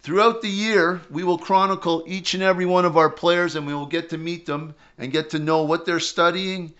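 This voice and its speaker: A man, a basketball coach, hosting an interview show and introducing his players in a measured way. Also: on the high side, steady tone, fairly bright tone, highs cut off.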